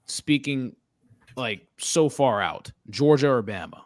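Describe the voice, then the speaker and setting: A man's voice: medium pitch, animated, slow pace, no echo. A man hosting a casual sports talk show, leading the talk and quizzing his co-hosts in a joking way. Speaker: podcast host.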